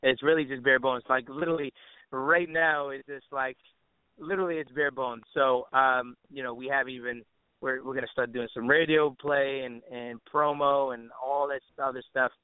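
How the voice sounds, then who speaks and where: A male music artist with a mid-pitched voice talks in a casual interview, loose, slangy and rambling. His tone stays steady and smooth at a normal speed, and the dry recording has a narrow, tinny phone-line sound.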